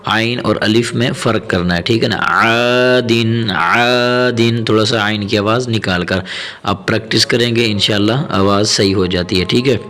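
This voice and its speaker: A man teaching Quran reading to children, slowly drawing out syllables and then explaining quickly and patiently. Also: on the low side, fairly bright tone, faint music behind. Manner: patient, repeats syllables slowly, then explains rapidly with frequent "theek hai". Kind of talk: tajweed lesson, slow drawn-out recitation alternating with quick explanation.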